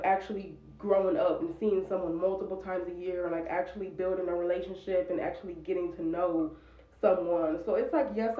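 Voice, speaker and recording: Recorded off-mic, the sound is roomy and dull, with the speaker sitting far from the microphone. She is an American vlogger in her twenties with a mid-range voice, chatting candidly about something personal and saying "like" a lot.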